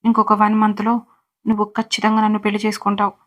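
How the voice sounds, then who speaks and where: A woman's voice: mid-range voice, completely flat delivery, fast talker, natural voice. A woman voicing a cruel, obsessive young man who threatens coldly in a storybook reading. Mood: threatening. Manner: cold, threatening.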